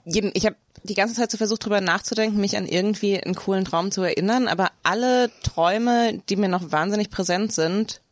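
A woman co-host chatting casually on a podcast, wandering through her stories with plenty of fillers. Her voice is mid-pitched. The sound is dry and close, with no room around it. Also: fairly quick, few pauses, no room sound. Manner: rambling storyteller with many fillers. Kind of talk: casual chat.

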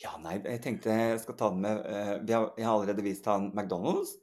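A man's voice: lowish voice, steady tone, a little mellow. A young man co-hosting a podcast, telling a story in casual chat and acting out the quoted lines with animation. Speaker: podcast co-host.

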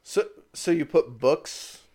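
A man's voice: fairly high pitch, slow pace. Chatty laughing man hosting a podcast. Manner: animated, laughs often, restarts sentences. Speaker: podcast host. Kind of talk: casual chat.

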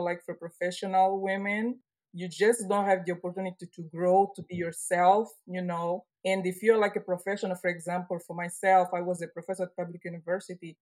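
Woman, middle-aged, Angolan accent, slightly low voice, earnest podcast guest with halting second-language phrasing. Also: darkish tone. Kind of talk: conversational interview answers.

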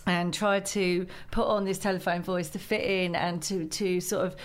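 A woman's voice: lowish voice, steady tone, normal speed. A woman from Chatham in Kent, a comedian guest chatting casually on a podcast, giggly and full of ums. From Chatham, Kent, England.

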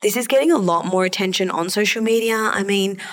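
A woman podcast host and psychologist, slightly hoarse and nasal from a sore throat, explains a topic alone on her show. Her voice is mid-range and her pace brisk.

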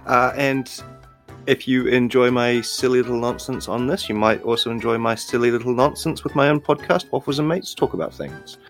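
A man's voice: medium pitch, normal speed, soft background music. A man with a New Zealand accent, chatting in a jokey, playful way as a podcast guest. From Christchurch, New Zealand. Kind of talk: casual chat.

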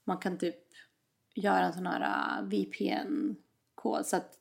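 Creaky-voiced young Swedish-speaking woman. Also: mid-range voice, level tone, a little mellow. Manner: chatty, mixes English phrases, acts out quoted exchanges. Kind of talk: casual chat.

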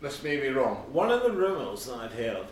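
A man's voice: medium pitch, big pitch swings, fairly quick. Middle-aged male podcast co-host, natural unscripted rambling talk, very echoey and distant from the mic. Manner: rambling, conversational. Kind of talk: natural unscripted casual chat about music. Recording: very echoey room, distant mic, faint noise.

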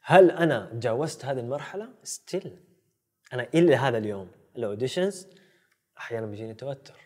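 A man talks as a podcast guest, speaking fast. His tone is earnest, and he drops English words into casual chat. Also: mid-range voice, animated, a little mellow.

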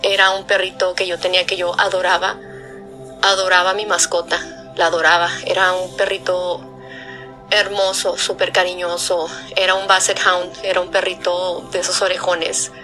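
A woman tells personal stories in a soft, heartfelt voice. Her tone is bright but stays level, with little rise and fall. Faint music plays behind her. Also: fairly low pitch, level tone. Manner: soft-spoken, heartfelt, halting with repeats. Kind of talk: personal storytelling.

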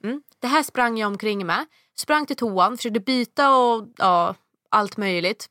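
Animated swedish-speaking woman telling a story. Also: dry recording, clean studio sound. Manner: animated storyteller who acts out quotes in a much higher voice. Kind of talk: casual storytelling chat.

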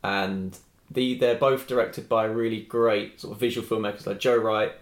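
A man hosting a casual film discussion podcast, with hesitant, halting phrasing. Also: on the low side, steady tone. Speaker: podcast host. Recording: roomy, echoing room sound.

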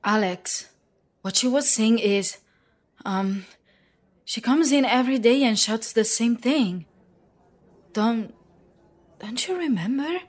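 An actress playing a weary young cook who hesitantly explains a daily disturbance, in an audio drama. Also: female voice, fairly high pitch, expressive, slow pace, pauses often. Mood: resigned. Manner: hesitant, resigned.

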